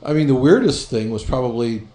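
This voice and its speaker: A man's voice: mid-range voice, expressive, brisk, mellow, reverberant. A man in a casual chat who throws in dry wisecracks. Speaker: podcast co-host.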